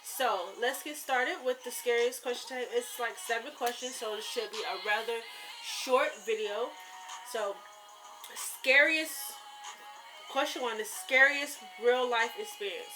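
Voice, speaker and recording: A young woman vlogging, telling a scary story in a rambling, animated way with lots of fillers. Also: on the high side, measured pace, music in the background, poor audio. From rural US South. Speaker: YouTuber. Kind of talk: casual storytelling vlog.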